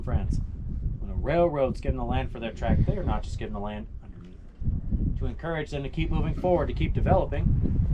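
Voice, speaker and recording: A man giving a storytelling guided tour to a group outdoors, theatrical and folksy, with rhetorical questions and dramatic pauses. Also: medium pitch, lo-fi sound. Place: outdoors on a mountainside. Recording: noisy live outdoor recording with clicks.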